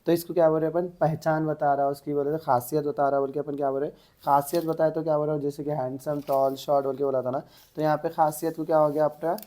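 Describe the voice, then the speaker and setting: A man's voice: fairly high pitch, little pitch movement, quick pace, warm tone. A man teaching an exam-prep English grammar lesson, asking the class questions and answering them himself.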